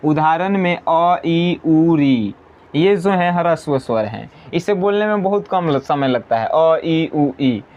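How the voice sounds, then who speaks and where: Man, high-pitched, exam-prep grammar teacher, repeats definitions, asks and answers his own questions. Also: expressive, measured pace, dull audio.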